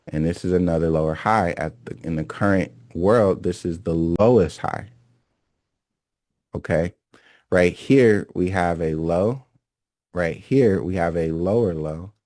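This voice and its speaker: A man's voice: deep voice, darkish tone, no room sound, studio quality. A man teaching a recorded lesson on reading market charts. He talks emphatically, repeats key phrases and keeps checking in with "okay?" and "right?". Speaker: trading instructor.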